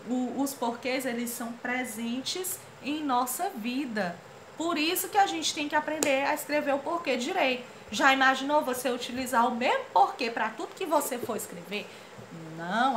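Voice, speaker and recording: A Brazilian woman teaches a children's grammar lesson in a bright, high voice. Her pitch leaps around as she acts out comic dialogue playfully. A faint hum of room ambience sits behind her. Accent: Brazilian Portuguese. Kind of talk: lively classroom lesson for children.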